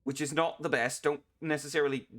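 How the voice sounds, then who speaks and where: A man giving casual, self-deprecating commentary while playing a video game, chatty and prone to quick exclamations. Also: a little high, fairly even intonation, a bit bright. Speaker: game streamer. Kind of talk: casual let's-play commentary.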